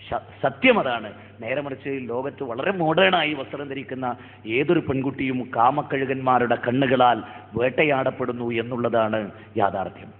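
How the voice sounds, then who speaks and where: A man from Kerala preaching an Islamic sermon, fervent and emphatic, reciting Arabic verses. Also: high voice. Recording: tinny lo-fi recording in a reverberant hall.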